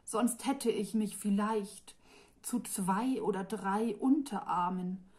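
A woman's voice: mid-range voice, slow pace, darkish tone, natural voice. A woman reading the part of an arrogant male devil with three tongues, smug and patronizing.

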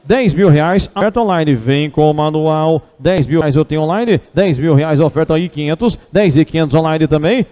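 A man's voice: on the high side, normal speed, dark tone, lo-fi sound. Brazilian man rattling off an auction chant. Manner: repeats figures in rhythmic, insistent runs. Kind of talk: rapid, repetitive auction chant calling bids. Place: car auction with a live and online audience.

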